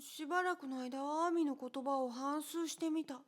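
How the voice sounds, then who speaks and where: A woman narrating a children's story in a gentle, measured reading voice. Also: high voice. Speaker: audiobook narrator.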